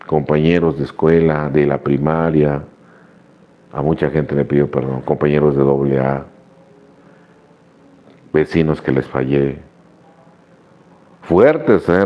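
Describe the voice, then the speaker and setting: Low-voiced guy sharing his recovery story, earnest and repetitive, kinda muffled radio sound. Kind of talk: personal testimony at a recovery meeting. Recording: dull lo-fi radio recording.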